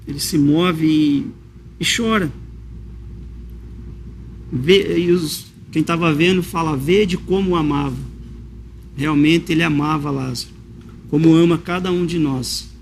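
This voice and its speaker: A man from Brazil preaching a sermon, reading scripture aloud and explaining it with emotion and slow, repeated emphasis. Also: a little high, slight background noise.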